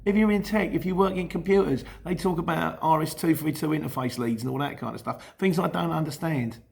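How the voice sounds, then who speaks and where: In a fairly high, gravelly and slightly mellow voice, a middle-aged YouTube host and courier driver from Luton, England, speaks a little fast. With his Cockney-influenced London accent, he chats casually and rambles through explanations in his vlog, often correcting himself.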